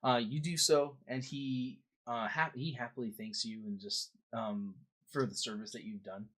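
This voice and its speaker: A man's voice: medium pitch, normal speed, low-quality recording. Young man running a tabletop game. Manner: relaxed, rambling with fillers. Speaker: game master.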